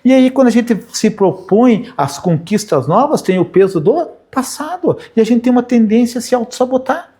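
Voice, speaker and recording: A man's voice: very high voice, animated, moderate pace, warm tone. A middle-aged man giving an informal spiritual talk, telling anecdotes and tagging sentences with "né?". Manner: chatty, anecdotal, frequent "né?" tags. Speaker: spiritist speaker.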